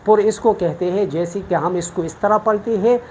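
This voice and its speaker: Woman, from Pakistan, Quran recitation teacher, online lesson, patient step-by-step explaining, middle pitch, faint background hiss. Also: mellow.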